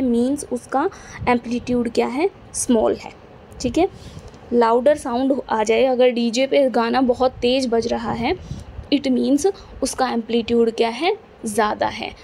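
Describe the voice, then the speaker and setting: A woman with a slightly high, creaky, warm voice teaches a physics lesson in a classroom, with slight background noise. She patiently repeats her points and often checks that her students are following along.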